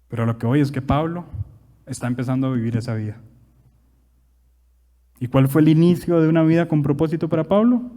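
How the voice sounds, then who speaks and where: A young man with a Costa Rican accent preaching a sermon as pastor, animated, with big swings in loudness and rhetorical questions. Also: medium pitch, in a large hall. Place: church.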